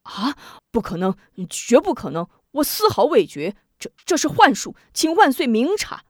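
A woman's voice: medium pitch, sing-song, measured pace, no echo, studio quality. A woman doing a blustering proud old prince. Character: arrogant, hot-tempered elderly prince.

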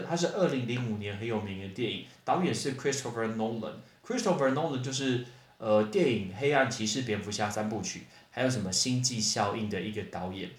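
A man's voice: on the low side, echoey room. Chatty man teaching English words. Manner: chatty, animated, spells words out letter by letter. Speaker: English teacher podcast host. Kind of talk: casual vocabulary lesson.

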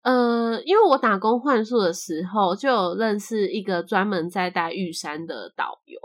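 A woman's voice: mid-range voice, normal speed. A young woman from Taiwan with a Taiwanese Mandarin accent, hosting a casual podcast chat and laughing often. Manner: chatty, laughs often, trailing sentence ends. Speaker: podcast host.

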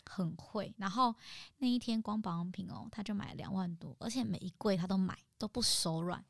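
A woman's voice: medium pitch, brisk, creaky, no echo, clean studio sound. A young woman co-hosting a casual chat, telling a story with animation and acting out the people she quotes in a coy sing-song voice. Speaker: podcast co-host.

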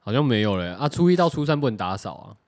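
A man with a Taiwanese Mandarin accent, co-hosting a casual podcast chat in a relaxed way and swearing casually. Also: fairly low pitch, fast. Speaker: podcast co-host.

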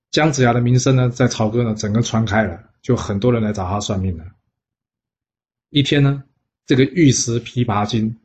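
Chatty male storyteller, dull recording. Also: medium pitch. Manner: lively, chatty, with frequent "呢" fillers. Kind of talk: casual storytelling narration. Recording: dull lo-fi sound.

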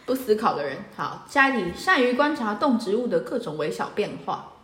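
A young woman with a Taiwanese Mandarin accent, co-hosting a podcast and telling stories in an animated, laughing way. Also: medium pitch, brisk. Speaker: podcast co-host. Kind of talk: casual chat and storytelling. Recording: echoey room.

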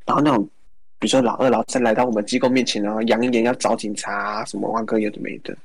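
A man's voice: on the low side, flat delivery, fast, no echo. Taiwanese-accented man swapping work stories, dry close sound. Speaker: care facility worker telling work stories. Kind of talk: casual chat, animated anecdotes.

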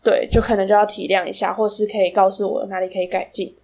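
A woman's voice: medium pitch, flat delivery, quick pace, vocal fry, darkish tone. A woman with a Taiwanese Mandarin accent hosting a casual solo podcast, rambling and self-deprecating, her articulation a little slurred from wearing braces.

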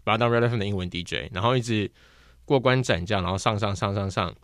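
A young man from Taiwan, a guest on a casual podcast chat, telling animated stories about his acting past. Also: on the low side, fast, no echo, clean studio sound. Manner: animated storyteller who slips into mimicked voices.

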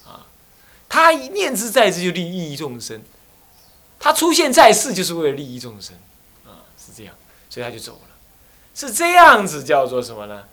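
A man's voice: high-pitched, wildly swooping pitch, moderate pace, long pauses, bright, forceful tone. A man with a Taiwanese accent, an abbot giving a joking dharma lecture who often mimics people and slips into Taiwanese dialect. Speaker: Buddhist abbot.

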